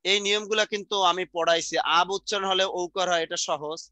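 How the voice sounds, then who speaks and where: A middle-aged man teaching an exam-prep grammar lesson, repeating sounds slowly and quizzing the class. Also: sits high, steady tone, bright, forceful tone, no echo. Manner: repetitive, drills sounds out slowly, asks the class questions.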